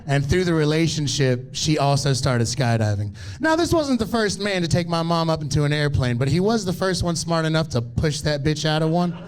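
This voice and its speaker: A man, telling profane, animated stories in a stand-up set and teasing the crowd. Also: a little high, fairly quick, few pauses. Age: 30s. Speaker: stand-up comedian.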